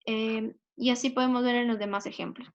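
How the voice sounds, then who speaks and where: A woman's voice: fairly high pitch, fairly even intonation, a little fast. Patient Peruvian woman teaching English grammar. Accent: Peruvian Spanish. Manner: patient, many fillers and tag questions. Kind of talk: explaining grammar over slides. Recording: dull lo-fi recording.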